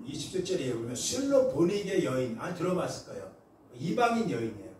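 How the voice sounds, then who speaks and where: Heard from afar in an echoey church hall with faint noise beneath him, a male pastor delivers a sermon at a fairly quick pace. His voice is high and lively, and he tells stories animatedly, performing the characters' voices.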